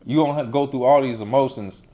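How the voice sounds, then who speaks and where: A man in his late twenties co-hosting a vlog, giving relaxed, casual advice and acting out quoted remarks. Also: mid-range voice, fast. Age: 20s. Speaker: vlog co-host.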